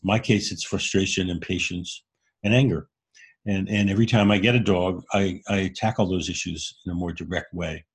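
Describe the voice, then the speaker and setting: A man co-hosting a podcast speaks in a deep, husky voice. His tone is candid and earnest, and he lays out his views plainly in relaxed conversation. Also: moderate pace. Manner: candid and earnest, explains ideas frankly. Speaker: podcast co-host. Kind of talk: casual conversation.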